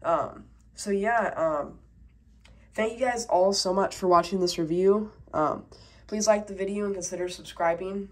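A stuffed-up woman with a mid-range voice speaks a little slowly, rambling casually through a toy review with plenty of fillers. She handles the toys while talking, recorded tabletop on a camera mic.

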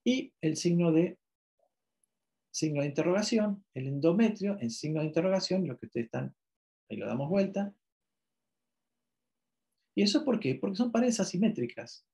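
A man's voice: high-pitched, animated, moderate pace, pauses often, warm tone. A man from Argentina giving a medical ultrasound lecture, explaining step by step with frequent checking questions and self-corrections.

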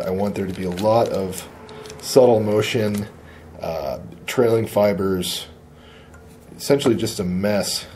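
A man demonstrating fly tying at a shop bench. He talks in a relaxed, plain-spoken way and often says uh. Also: fairly low pitch, a little hiss or hum.

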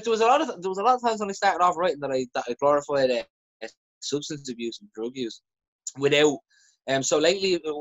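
A man's voice: mid-range voice, no echo. An Irish man, a poet, speaking frankly and reflectively in a podcast chat, often restarting his sentences. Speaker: poet guest. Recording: dry, dull sound.

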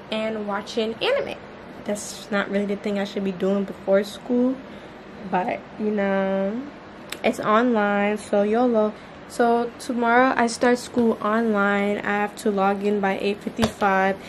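A teenage girl from Boston talks casually to her viewers in a chatty, slangy way. Her voice sits at an average pitch. Faint background noise hums underneath. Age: teens. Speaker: vlogger. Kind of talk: casual vlog chat.

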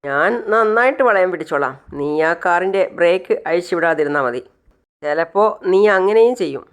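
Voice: mid-range voice, expressive, moderate pace, clear, resonant tone, lightly acted. A narrator playing a distrustful older man who mocks and scorns the remorseful father in a retold serial. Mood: mocking. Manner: scornful, teasing.

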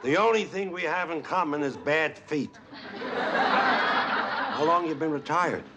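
An actor playing a weary, sarcastic police detective in a 1970s sitcom. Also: male voice, on the high side, lively intonation, slow, a loud crowd. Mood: dry. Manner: dry sarcastic. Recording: hissy 1970s TV with laugh track.

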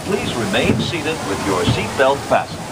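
A woman giving a calm, formal ride safety announcement played over an outdoor loudspeaker. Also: rumbling low, moderate pace. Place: amusement park ride. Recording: distant loudspeaker with loud ride noise.

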